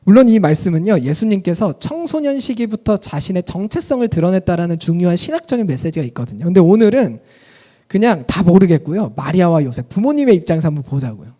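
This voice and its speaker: High, lively male pastor preaching. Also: fast. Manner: lively storytelling, asks the audience questions. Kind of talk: sermon.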